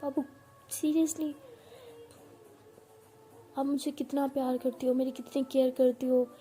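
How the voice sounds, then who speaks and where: A woman's voice: high voice, level tone, measured pace, dark tone, faint music behind. A woman narrating a first-person love story in a tender, intimate way, acting out the dialogue herself. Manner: tender, intimate, voices both partners in the story.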